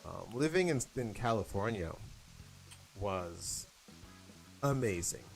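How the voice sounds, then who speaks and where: A man's voice: lowish voice, animated, slow, gravelly, faint music behind. A young American man chatting casually and rambling while he plays a game, laughing now and then. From United States. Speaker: gaming vlogger.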